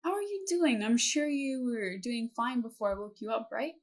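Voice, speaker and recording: A woman's voice: a little high, normal speed, pitched above the performer's own voice. A woman reading aloud as a playful, prying aunt who teases her niece about boys, in an affectionate, nosy manner. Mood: chiding. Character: teasing, nosy adult aunt.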